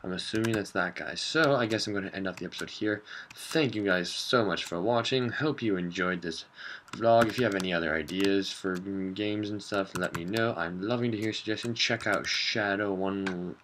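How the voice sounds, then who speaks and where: Low-voiced man rambling over gameplay. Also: slight background noise. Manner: rambling, jokey, deadpan absurd humor. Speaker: gaming vlogger. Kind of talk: casual gameplay commentary. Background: game music.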